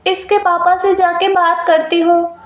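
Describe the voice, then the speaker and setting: A woman's voice: very high-pitched, little pitch movement, a little slow. A woman voicing an anxious, caring mother who worries about her married daughter, in an echoey room. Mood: worried. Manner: fretful, pleading. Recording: roomy echo.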